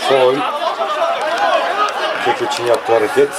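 A man's voice: fairly even intonation, slow pace. A man giving live football play-by-play in short, clipped phrases, often repeating himself. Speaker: football match commentator. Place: outdoor amateur football ground. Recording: noisy outdoor pitch, crowd shouting behind. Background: crowd and players shouting, loud outdoor noise.

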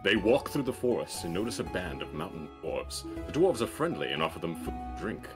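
A man's voice: low-pitched, sing-song, a little fast, over music. A man narrating a fantasy text adventure aloud, reading out the story and its dialogue. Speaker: reader of story game text.

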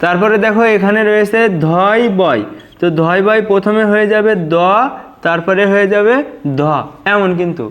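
Bangladeshi guy teaching pronunciation, high-ish voice, breaks every word into slow syllables. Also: fairly even intonation. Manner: slow, syllable-by-syllable spelling out, repeats "dekho". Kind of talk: exam prep pronunciation lesson.

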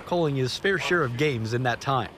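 A man's voice: mid-range voice, normal speed, crowd noise. A man narrating a scripted TV news feature as its reporter. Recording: loud hall noise behind.

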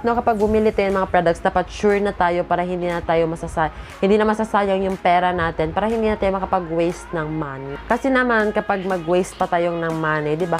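A young woman with a Filipino accent talks through a casual gadget review, fairly low-pitched for a woman, and keeps checking in with her viewers. Her phone and lapel mic pick up the chat, with faint music playing underneath. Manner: chatty, keeps tagging "guys, no?". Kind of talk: casual product review vlog. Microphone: switches between a lapel mic and the phone's own mic.

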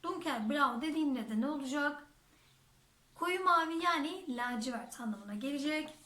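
A woman's voice: high-pitched, animated, normal speed, pushed and bright. A woman teaching a vocabulary lesson, saying each word twice and then translating it. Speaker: German teacher. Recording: echoey room.

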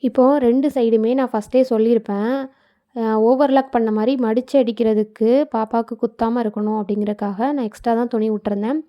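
A woman narrates her own sewing tutorial in a casual, explanatory voice-over, breaking off for chatty asides. Her voice sits a little high. The recording is dull and lo-fi, as if made on a phone. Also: little pitch movement, fast. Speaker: tailoring channel host.

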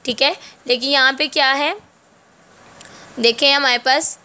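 A woman teacher with a Pakistani accent gives a grammar lecture at a slow, careful pace. Her voice is bright and a little high, and she reads each English rule haltingly before explaining it again. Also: fairly even intonation, a little hiss or hum. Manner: reads English rules slowly, then explains them in Urdu with frequent "theek hai".

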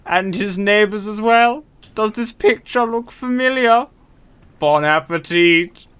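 A man voicing a taunting male villain in a game, reading the lines slowly in a mocking sing-song way. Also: sits high, fairly bright tone, smooth. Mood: gloating. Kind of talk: reading game dialogue in a put-on voice.

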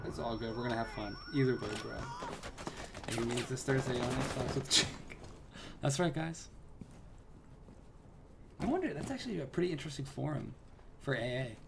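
Young male streamer, hushed casual chat with viewers, game gunfire clear in background. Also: medium pitch, animated, normal speed, pauses often, background noise. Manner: casual, keeps greeting viewers by name, says bro and my man; keeping his voice down so his wife can sleep. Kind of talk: live gameplay stream chat.

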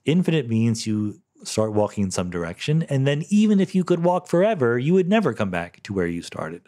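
Very animated and brisk, this middle-aged man has a mellow, medium-pitched voice as he works through listener questions solo on his podcast. He's thoughtful and casual, laughs lightly, and frequently fixes what he's saying partway through.

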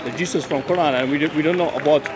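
A man from Iraq, his voice a touch high. He speaks haltingly and repeats words as he pleads his point outdoors. Crowd chatter carries behind him. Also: background noise. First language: Arabic. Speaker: passer-by in a debate. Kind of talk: heated street debate. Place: outdoor park plaza.

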